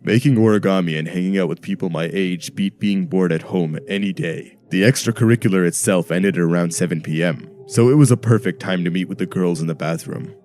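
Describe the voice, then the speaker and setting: A man narrating a first-person horror story in a steady storytelling manner. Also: sits low, fairly quick, few pauses. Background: soft background music.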